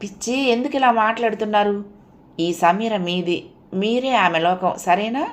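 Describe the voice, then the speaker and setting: A woman voicing a caring wife who soothes her frightened husband, affectionate and reassuring, her voice higher than her narration. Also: moderate pace, natural voice. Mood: soothing, concerned.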